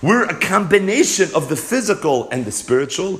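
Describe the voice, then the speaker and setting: A man's voice: on the high side, sing-song, brisk, a bit bright. A man teaching a Torah class, mixing Hebrew and Yiddish terms into his English and driving points home with rhetorical questions.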